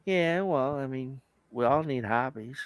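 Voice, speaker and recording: A man's voice: mid-range voice, measured pace, clean tone. A man in casual banter who teases his friend and laughs often.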